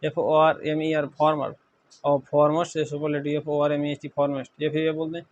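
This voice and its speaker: A man's voice: on the high side, monotone, a little fast, lo-fi sound, a little hiss or hum. A man from India teaching English grammar in a classroom-style lecture, spelling words letter by letter and often checking that students follow.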